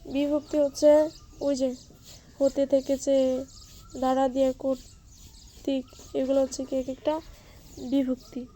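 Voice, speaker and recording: A woman's voice: high voice, completely flat delivery, slow pace, pauses often, dark tone, a little hiss or hum. A woman tutoring for an exam, asking questions and answering them herself, and having listeners repeat after her. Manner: drilling, asks and answers her own questions. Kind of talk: exam-prep lesson.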